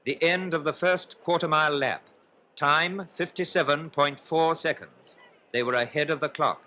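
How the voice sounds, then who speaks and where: A man narrates in the manner of an old newsreel, his voice set a little high and sharply bright. He calls the action formally and briskly, pressing harder as the race unfolds. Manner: brisk, formal, building excitement in play-by-play. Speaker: newsreel commentator.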